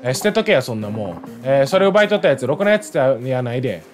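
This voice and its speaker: A man's voice: mid-range voice, very animated, fast talker, music in the background, natural voice. A man reading a blunt Kansai gangster. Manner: blunt, scolding. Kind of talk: reading game dialogue aloud.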